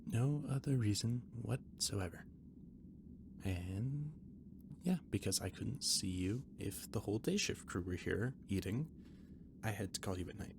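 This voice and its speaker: In an intimate one-sided roleplay audio drama, a man plays a catboy ship's cook and mechanic, an eager friend who is flustered and evasive. His low, gravelly voice moves at a measured pace, hesitant and stammering, slipping into nerdy rambling. The recording carries noticeable background noise and ambience.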